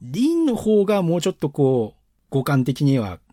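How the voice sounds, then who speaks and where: A man's voice: a little high, huge pitch swings, moderate pace, warm tone, dry recording, studio quality. A man angrily tearing into a film in a casual chat. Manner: indignant, complaining. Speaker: film reviewer.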